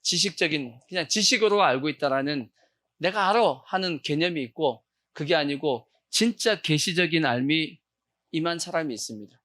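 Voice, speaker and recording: A man preaching a sermon as pastor of a church, asking his congregation questions, answering them himself, and sometimes breaking into loud acted shouts. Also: a little high, expressive, moderate pace. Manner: call-and-response questioning of the congregation. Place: church sanctuary.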